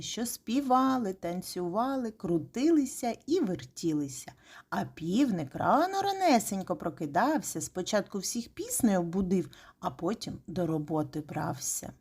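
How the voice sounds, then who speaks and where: Teacher lady reading a kids' folk tale, bouncy expressive voice. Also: mid-range voice, slightly rough. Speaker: kindergarten teacher. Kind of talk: storytelling to young children.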